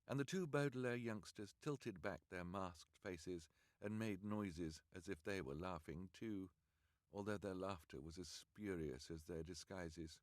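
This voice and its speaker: A man reading an audiobook aloud on a livestream, in an expressive, measured way. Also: deep voice, no room sound, studio quality. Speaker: audiobook reader.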